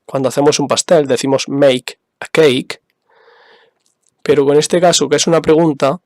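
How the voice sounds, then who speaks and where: Slow, patient male English teacher. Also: fairly high pitch, dry recording, clean studio sound. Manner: patient, spells out examples and repeats them. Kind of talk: slow, careful explanation for beginners.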